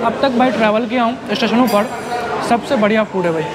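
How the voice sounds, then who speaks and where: A man's voice: high voice, fairly quick, over a noisy crowd. A young man in his twenties chatting casually to viewers in a travel vlog, recorded on a lapel mic at a busy railway station. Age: 20s. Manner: chatty, keeps calling viewers "bhai". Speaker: travel vlogger. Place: busy railway station platform and food court, indoors and out. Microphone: clip-on lapel mic and handheld camera. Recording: loud station noise behind.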